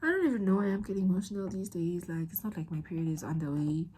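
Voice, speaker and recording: A woman's voice: on the low side, quick pace, warm tone, a little hiss or hum. A young woman in an emotional, rambling confessional vlog, talking straight to her viewers as girl and babe. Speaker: vlogger.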